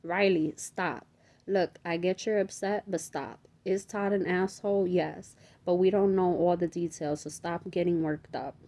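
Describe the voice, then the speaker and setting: A practical sister with a firm, calming way of talking, as a woman reads her aloud. Her voice is mellow and gravelly, set low. She sounds like a figure in a storybook reading. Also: measured pace.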